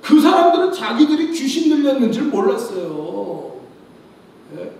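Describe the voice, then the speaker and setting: A man's voice: extremely high pitch, very animated, moderate pace, creaky, darkish tone. A male pastor preaching a sermon, telling stories emphatically and often prompting the congregation for a response. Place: church sanctuary. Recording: very echoey church hall, distant mic.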